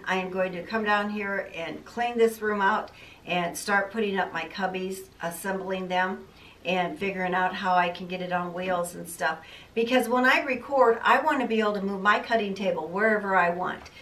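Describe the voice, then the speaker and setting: A woman's voice: mid-range voice, a bit bright. Older woman chatting in roomy sewing room. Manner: chatty, rambling, self-deprecating. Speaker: sewing vlogger. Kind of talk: casual chat to camera. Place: cluttered home sewing room. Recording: roomy, mic at a distance.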